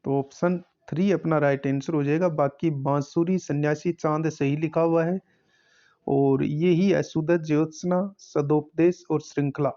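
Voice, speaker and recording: A man's voice: a little high, fairly even intonation, a little slow, dark tone, lo-fi sound. A man teaching, working through an exam paper question by question and repeating each answer. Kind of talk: exam paper solving lesson.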